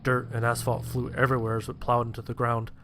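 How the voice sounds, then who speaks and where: A man tensely narrates as a sheltered, anxious young survivor in plain first-person speech. His mid-range voice is monotone, fast, a bit bright and natural. There's music behind him plus a little hiss or hum.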